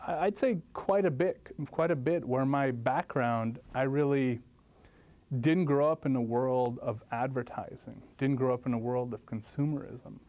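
A man from Lithuania, in his thirties, speaks as a guest in a studio interview. His tone is mellow and warm, and he tells his stories with animated rises in pitch, recorded close on a lapel mic. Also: moderate pace. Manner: animated storytelling, lively pitch jumps. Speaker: guest professor. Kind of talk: interview answers. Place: studio set, seated.

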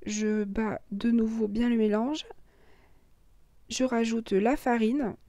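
A hoarse woman who has lost her voice, calmly narrating a recipe step by step as a cooking host. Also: on the high side, slow, no echo. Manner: calm step-by-step instructions.

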